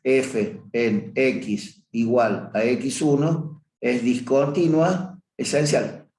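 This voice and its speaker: A man's voice: medium pitch, drawn-out words, a little mellow. A man teaching a review class on limits, talking through a graph and stopping often to correct himself. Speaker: math teacher. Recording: roomy echo.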